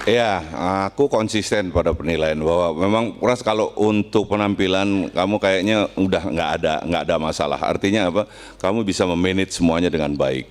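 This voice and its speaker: A man's voice: low-pitched, fairly quick. A middle-aged man giving his verdict as a comedy judge, with hall noise around him. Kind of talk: spoken verdict. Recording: noisy hall ambience.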